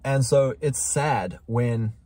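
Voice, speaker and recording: A man talking in a casual conversation with a slightly husky voice at a middle pitch. He speaks emphatically and preaches, and he gets heated at times. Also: slow, dark tone, dry recording.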